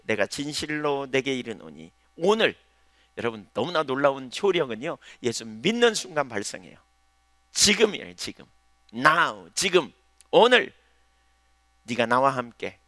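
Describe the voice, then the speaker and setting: A man pastor preaching a sermon, swinging from loud emphatic lines to hushed, pleading prayers. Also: mid-range voice, big pitch swings, normal speed, no room sound.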